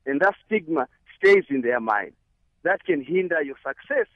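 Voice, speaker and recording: A man from Zambia, calling in to a radio show. He speaks earnestly and with a measured pace, with hesitant fillers. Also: fairly high pitch, lively intonation, no echo. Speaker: caller. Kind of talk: call-in phone conversation. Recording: dull lo-fi phone line.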